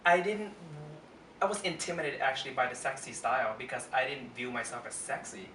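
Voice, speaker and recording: A man in his twenties, a Thai-born pole performer from Las Vegas, answers casually as an interview guest. He speaks fairly quickly at a medium pitch. The recording is roomy, with a distant mic and faint background noise.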